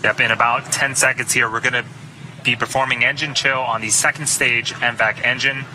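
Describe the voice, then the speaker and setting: A man's voice: medium pitch, steady tone, a little fast, low-quality recording. A man giving live technical commentary on a launch, explaining terms as he goes. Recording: loud roaring background noise.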